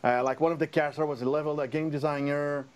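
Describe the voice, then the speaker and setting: A man's voice: on the high side, fairly even intonation, quick pace, clear, resonant tone. A man in his thirties, a game developer, chatting casually on a livestream and telling stories with a lot of laughter. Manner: rambling, laughing storyteller.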